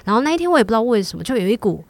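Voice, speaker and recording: A woman's voice: on the high side, very fast, no room sound. A woman hosting a podcast, telling a story in a casual way and acting out what others said. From Taiwan. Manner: animated storyteller acting out quotes. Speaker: podcast host.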